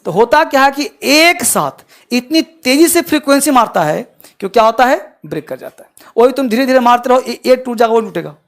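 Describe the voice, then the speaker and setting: Guy teaching a class, keeps asking students if they got it, loud then quiet, very animated. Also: very high voice, fairly quick. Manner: addresses students with frequent quizzing questions; animated, shifting between loud emphasis and quiet asides. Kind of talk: classroom lecture.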